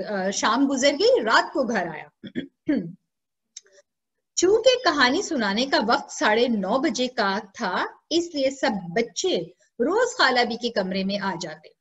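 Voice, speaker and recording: A woman's voice: fairly high pitch, fairly bright tone, muffled recording. A woman teacher with a Pakistani Urdu accent, telling a story to young pupils over a video call and repeating lines back to them as questions. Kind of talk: online class storytelling.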